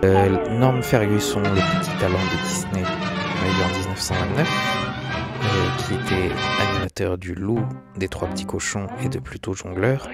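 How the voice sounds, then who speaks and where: Here the man's voice sits low and moves at normal speed as he narrates a documentary script for his animation history video channel. Now and then he stumbles slightly. It's a dry, close recording with background music.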